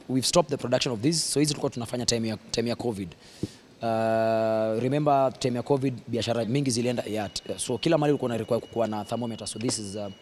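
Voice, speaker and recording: On a large indoor electronics factory floor, a man in his forties with a Kenyan accent leads a casual tour, pointing and gesturing as he explains machines in a blend of Swahili and English. His voice is medium-pitched and darkish, captured on the interviewer's handheld mic with slight background noise.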